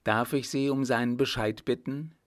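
A man's voice: medium pitch, fairly even intonation, moderate pace, natural voice. Man reading as a curt, sarcastic emperor. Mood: curt, commanding. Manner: clipped, imperious.

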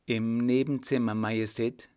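A man's voice: mid-range voice, little pitch movement, normal speed, a little mellow, clean tone, dry recording, clean studio sound, close to an everyday voice. Man reading as a flustered young baron. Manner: stammering, deferential.

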